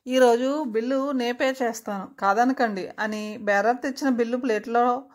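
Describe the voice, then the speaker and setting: A woman's voice: on the high side, normal speed, lightly acted. A woman voicing a proud single working woman who speaks firmly and curtly in a storybook reading. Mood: cool. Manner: firm, curt.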